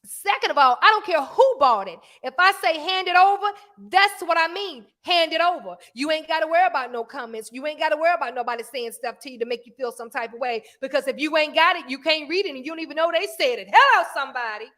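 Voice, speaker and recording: A woman's voice: high-pitched, expressive, quick pace, hardly any pauses, bright, forceful tone. A woman hosting a live stream, talking emphatically to viewers, reading their comments and preaching a little. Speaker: livestream host.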